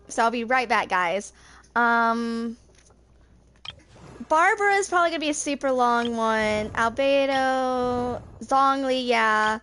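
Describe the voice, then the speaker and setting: A woman in her twenties streams a video game, chatting casually with viewers, rambling and thinking out loud. Her voice sits high with a fairly bright tone.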